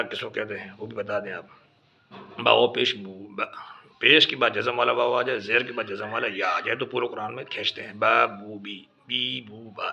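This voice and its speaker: A man's voice: medium pitch, gravelly, bright, forceful tone, a little hiss or hum. A man teaching other teachers how to instruct children in Quran reading, patiently spelling out drill syllables one by one. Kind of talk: instructional talk. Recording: dull lo-fi recording.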